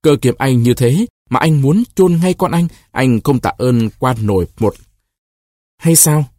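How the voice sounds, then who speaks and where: A man voicing an older male court clerk who flatters his superior and scolds the villager, in a storybook reading. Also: mid-range voice, unhurried, no echo, studio quality. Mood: scolding. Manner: obsequious, scolding.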